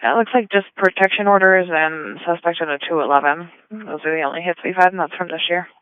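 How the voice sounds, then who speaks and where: A man's voice: high-pitched, fairly quick, clean tone, dry recording. A man working as a police dispatcher, talking over the radio in clipped codes. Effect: police radio transmission. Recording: muffled dispatch radio audio.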